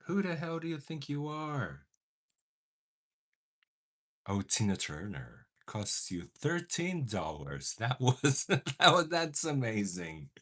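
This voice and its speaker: Doing his makeup on camera, this young man, whose first language is Portuguese, talks slowly and very animatedly in a medium-pitched, fairly bright voice. The casual beauty vlog chatter is punctuated by bursts of theatrical mock indignation.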